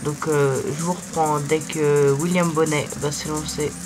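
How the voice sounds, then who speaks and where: A young man hosts a gaming video with a sore, swollen-tonsil voice. His delivery is very even and halting as he searches for words. Loud music plays behind his casual cycling commentary. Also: a little high. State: sick with tonsillitis, swollen-throat weakened voice.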